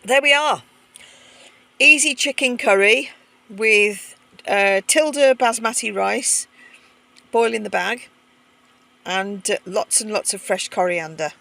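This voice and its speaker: Her mid-range voice moves slowly, with vocal fry, long pauses, and a pushed, bright quality, recorded with no room sound. She's a camping vlogger casually narrating her cooking to camera inside a heated stove tent, thinking as she goes.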